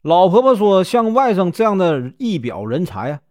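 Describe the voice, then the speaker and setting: A man's voice: high voice, big pitch swings, normal speed, no room sound, clean studio sound. A man reading a classic folk tale aloud in a chatty storytelling manner, full of filler particles.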